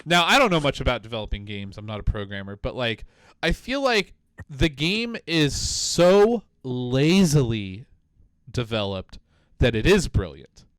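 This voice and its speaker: A man co-hosting a casual gaming podcast chat, talking in an animated way, swearing freely and mock-quoting game developers. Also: mid-range voice, a little slow, clear, resonant tone, dry recording. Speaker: podcast co-host.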